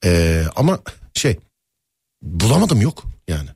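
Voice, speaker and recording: A man hosting a casual talk show, telling stories and joking in an animated way. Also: sits low, a little slow, vocal fry, husky, no room sound, clean studio sound. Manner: animated, jokey storytelling. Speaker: host. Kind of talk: casual chat.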